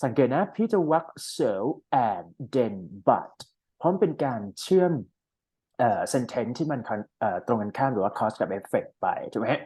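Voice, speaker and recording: A man's voice: medium pitch, animated, dark tone, slightly rough. Thai man tutoring English. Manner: explains patiently, models English reading slowly. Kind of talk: one-on-one online IELTS lesson.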